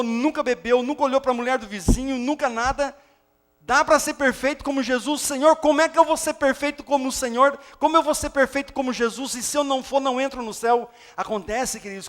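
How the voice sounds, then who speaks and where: A man's voice: sits high, long reverb tail. A man in his forties preaching a sermon, acting out little dialogues as he goes. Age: 40s. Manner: animated preaching, acts out dialogue. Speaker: pastor.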